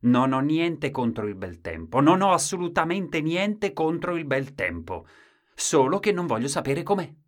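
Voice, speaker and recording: A man's voice: medium pitch, big pitch swings, takes it slowly, pitched above the performer's own voice. A man reading a children's story, voicing a stubborn man who wants to know nothing, with a raised, insistent delivery. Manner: insistent, raising his voice.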